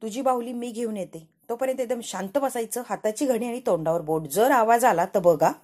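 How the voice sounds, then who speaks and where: A woman's voice: fairly high pitch, a little fast, darkish tone, lightly acted. A woman voicing a bossy, scheming older woman who orders others around.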